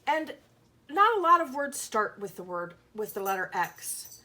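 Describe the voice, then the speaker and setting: A woman with a mid-range, sing-song voice, bright and forceful, leads a children's lesson and picture-book read-aloud without hurrying. She explains simply, asks questions, and sounds out letters and words with careful emphasis.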